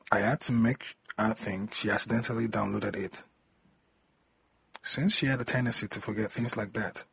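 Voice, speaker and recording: A man reading a story aloud in a plain, steady storytelling manner. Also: on the low side, vocal fry, husky, low-quality recording. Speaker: story narrator.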